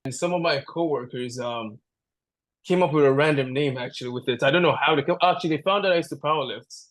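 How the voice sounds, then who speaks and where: A man's voice: on the high side, fast talker, fairly bright tone. A man from Canada, a powerlifter guest on a podcast, chatting casually, joking and laughing often, rambling with restarts. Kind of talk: casual interview chat.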